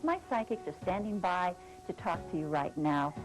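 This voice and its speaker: A woman giving a pleading, reassuring pitch for a psychic hotline ad. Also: lively intonation, moderate pace, music in the background, poor audio.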